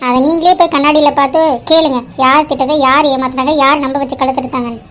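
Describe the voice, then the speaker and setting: A woman voicing a calm, pious aunt in a cartoon drama who answers back with sharp retorts. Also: sits high. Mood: accusing. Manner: composed, quick retorts. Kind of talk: Tamil cartoon drama voice acting.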